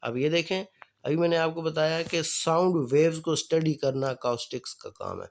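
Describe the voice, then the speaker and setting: A man with a Pakistani accent giving a phonetics lecture, repeating key terms, quizzing his listeners and reading English definitions slowly. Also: fairly high pitch. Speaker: teacher.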